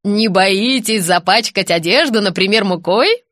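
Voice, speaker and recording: A woman voicing a brisk, fussy female TV director who bosses her crew and gushes over the family. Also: mid-range voice, a bit bright, no echo, studio quality, natural voice. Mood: bustling.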